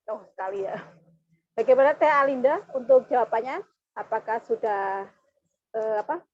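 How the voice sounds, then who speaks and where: Hesitant woman host, husky dull sound. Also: fairly high pitch, moderate pace, no room sound. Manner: hesitant, many fillers. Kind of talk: hosting a discussion. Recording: dull lo-fi dry recording.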